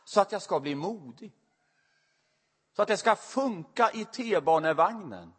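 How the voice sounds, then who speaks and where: A middle-aged man preaches a sermon in a high, expressive, husky voice. He shares a personal story confessionally, and it grows more emotional as he goes. The recording carries the long reverb of a large hall.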